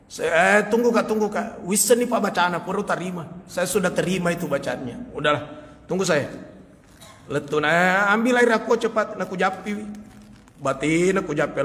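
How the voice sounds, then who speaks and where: Animated preacher in a hall. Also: male voice, on the high side. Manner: animated, acts out quoted dialogue with laughter. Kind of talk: storytelling sermon. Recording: reverberant hall, faint ambience.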